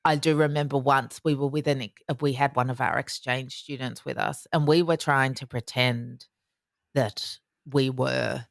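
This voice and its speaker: A woman's voice: rumbling low, steady tone, measured pace, creaky, no echo, clean studio sound. An Australian woman co-hosting a casual comedy podcast, telling rambling, self-mocking stories. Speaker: podcast co-host.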